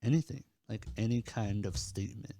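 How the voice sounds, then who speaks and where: A man's voice: lowish voice, a little fast, vocal fry, dark tone. A young man co-hosting a podcast, chatting in an easygoing way and laughing often. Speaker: podcast co-host. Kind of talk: casual chat.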